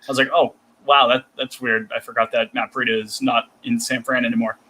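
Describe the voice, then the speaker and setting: Bright-voiced man teasing on a podcast. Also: medium pitch, little pitch movement, a little fast, breathy edge, low-quality recording. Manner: wry, teasing, laughs at his own jokes. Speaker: podcast co-host. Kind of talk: casual podcast banter.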